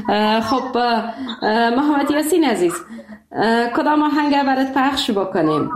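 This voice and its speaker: A woman's voice: a little high, a little mellow, reverberant. A woman hosting a call-in radio show, chatting in a friendly way with callers and laughing often. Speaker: radio host.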